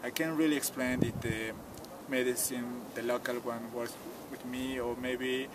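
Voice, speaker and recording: Speaking a little slowly in a mid-range voice, a man from the Cusco countryside of Peru relates a story outdoors at a mountain site. He's a tour guide whose first language is Quechua, and his casual interview style is relaxed, simple and sprinkled with "you know." A distant mic catches loud ambience against a noisy background.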